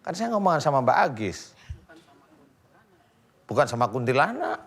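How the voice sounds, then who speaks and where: Playful, teasing male preacher. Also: normal speed. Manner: playful and teasing, with lively pitch swings. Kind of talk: joking talk-show banter. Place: TV studio.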